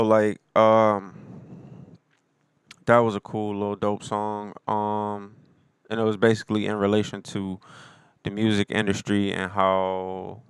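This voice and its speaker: Man, rapper-producer, laid-back slangy talk, very smooth lowish voice, dry close sound. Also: no room sound. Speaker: rapper and producer talking about his album. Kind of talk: casual solo talk.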